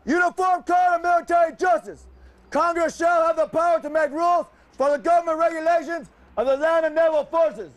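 An American man working as a military drill instructor, shouting clipped commands like a barking officer. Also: very high-pitched, steady tone, a little fast. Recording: loud recruit crowd noise, on-location.

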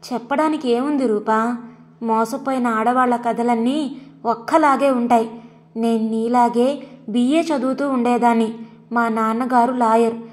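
Lady reading a hurt bitter auntie in an audio story, kinda high voice. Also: steady tone, moderate pace, a little mellow, natural voice. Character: middle-aged woman, bitter and wounded.

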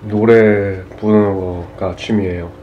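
A man's voice: lowish voice, slow. Man talking through a mouthful of food. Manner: soft-spoken, relaxed, addresses viewers politely. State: talking while chewing. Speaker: mukbang vlogger. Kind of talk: casual eating-show chat. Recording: dull lo-fi sound with faint room noise.

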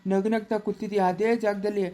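A woman acts out a vengeful old village grandfather who growls threats in a mellow, dark voice. The delivery is slow and menacing, as in a homemade family skit. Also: medium pitch, flat delivery, natural voice, rough recording. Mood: gloating. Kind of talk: amateur family skit acting.

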